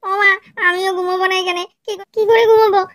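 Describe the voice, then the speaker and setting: A woman's voice: extremely high pitch, fairly even intonation, fast, a bit bright, no echo, pitched above the performer's own voice. A woman voicing a young girl who whines and complains, siding with her mother. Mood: whiny. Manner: whiny, complaining.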